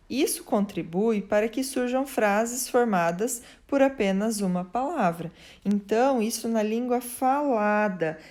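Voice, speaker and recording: A woman's voice: medium pitch, a little mellow. A woman teacher explains grammar step by step, checking in often with her students. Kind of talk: grammar lesson.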